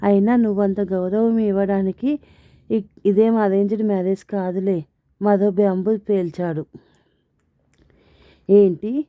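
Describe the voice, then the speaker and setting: A woman narrates a comic family story in the first person, wry and expressive. Her voice sits in a middle pitch. The sound is thin and phone-like, with no room echo. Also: unhurried. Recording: tinny phone-like, dry.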